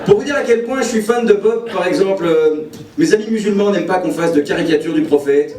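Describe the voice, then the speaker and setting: Brash Belgian comedian with a high voice. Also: male voice, brisk, roomy sound, far from the mic, some chatter behind. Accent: Belgian French. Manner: deadpan punchlines, brash and provocative. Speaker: stand-up comedian. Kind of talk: stand-up comedy set. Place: stage before a live audience.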